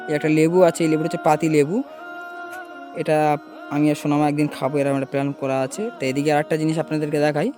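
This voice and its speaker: A man vlogging casually from a rooftop garden outdoors, talking in an animated, coaxing way and often raising his voice playfully. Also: fairly high pitch, quick pace, music in the background. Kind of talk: casual vlog chat.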